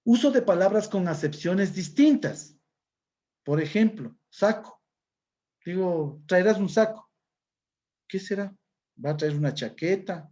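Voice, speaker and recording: A man's voice: high voice, lively intonation, measured pace, mellow, lo-fi sound. A man from Ecuador with an Ecuadorian accent, teaching a class and explaining step by step, often checking in with his listeners. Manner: explanatory, often adds "¿no es cierto?". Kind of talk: recorded class lesson.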